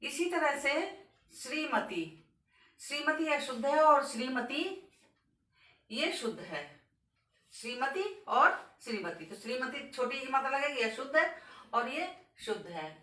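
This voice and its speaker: A woman teaches a grammar lesson at a slow, deliberate pace, her voice bright and fairly high. She repeats each word with care and stresses the correct form. She sounds a little far from the mic in an echoey room. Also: animated. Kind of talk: board lesson on spelling.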